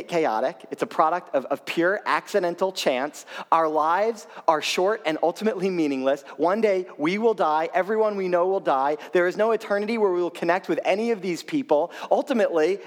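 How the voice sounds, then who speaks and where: A man preaching a sermon as pastor, talking in a conversational, emphatic way that swings between loud, high bursts and quiet, low lines. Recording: long hall reverb.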